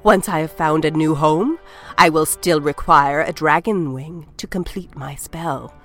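A woman's voice: low-pitched, unhurried, fairly bright tone, soft background music. A ruthless old witch. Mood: cold menacing. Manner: cold, menacing and determined. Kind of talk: audiobook drama acting.

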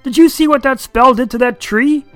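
A performer voicing a timid, panicky young male dragon in an audiobook drama, with a frantic, stammering, high-pitched delivery. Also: normal speed, fairly bright tone, dry recording, faint music behind.

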